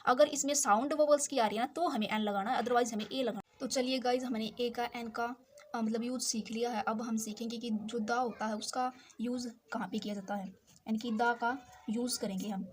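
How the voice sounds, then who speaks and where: Higher-pitched woman teaching grammar slowly. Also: slight background noise. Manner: slow, repetitive explaining with frequent check-ins. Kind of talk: explaining with examples in Hindi.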